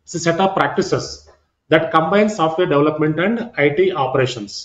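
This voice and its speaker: A man's voice: fairly high pitch, fast talker. Echoey Telugu-accented man teaching a class. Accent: Telugu Indian. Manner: frequent "right?" and "okay" check-ins. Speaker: technical instructor. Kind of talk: live demo class lecture. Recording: echoey room, dull lo-fi audio.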